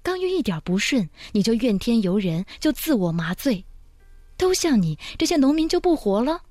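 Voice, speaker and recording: A woman's voice: mid-range voice, expressive, moderate pace, a little mellow, dry recording, faint music behind. A woman voicing a stern, caring young female shopkeeper in a love story read aloud, speaking coolly and curtly. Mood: scolding. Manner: cool, curt, scolding.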